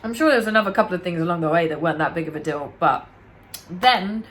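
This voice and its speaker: A woman's voice: lowish voice, expressive, quick pace, a bit bright, a little hiss or hum. A young woman telling a casual storytime, chatty and sweary, full of filler words. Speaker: vlogger.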